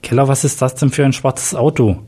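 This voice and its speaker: A man's voice: medium pitch, steady tone, a little fast, dark tone, breathy edge, natural voice. A man voicing a shaken young male police detective in a read-aloud crime story, subdued and earnest.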